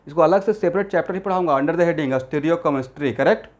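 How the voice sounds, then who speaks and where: Male tutor, slightly high voice, classroom lecture, quizzes students. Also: normal speed. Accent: Assamese-influenced Hindi. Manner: mixes Hindi with English terms, asks class questions constantly. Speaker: chemistry teacher.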